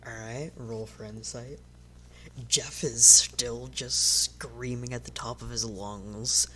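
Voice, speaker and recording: A game master narrating a tabletop game in an unhurried way, with filler pauses. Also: mid-range voice, steady tone, bright, forceful tone, a little hiss or hum.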